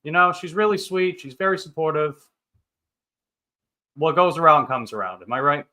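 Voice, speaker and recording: A thirty-year-old man hosts a casual livestream, rambling in upbeat banter while reading and answering viewer comments. His voice sits on the high side, sharp in tone, at a normal speed.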